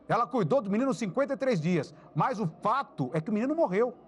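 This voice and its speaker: Emphatic Brazilian male news host, high voice. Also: lively intonation, fast, slightly rough. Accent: Brazilian Portuguese. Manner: emphatic, addresses viewers and directs crew. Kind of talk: live crime news commentary.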